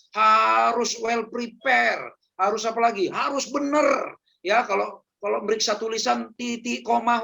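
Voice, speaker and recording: Male seminar speaker, chatty and joking, high bright voice with gravel. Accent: Indonesian. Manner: chatty, joking, repeats words, laughs often. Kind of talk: casual humorous talk on personality types.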